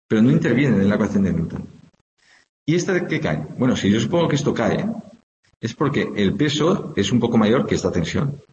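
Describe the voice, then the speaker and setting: A man's voice: on the low side, a little mellow. A man teaches physics, working through problems step by step and checking with the class as he goes. His voice carries a long echo, as if picked up in a big hall. The sound is dull and lo-fi, with a faint hiss behind it. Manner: explains step by step, thinks aloud, often checks with "¿de acuerdo?". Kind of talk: informal classroom lecture.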